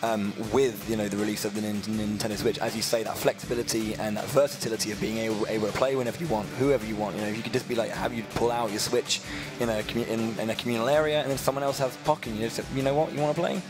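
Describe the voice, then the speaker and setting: A British man giving conversational tournament analysis in a halting way, often repeating his words. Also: lowish voice, fairly even intonation. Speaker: esports analyst. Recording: music playing behind the voice.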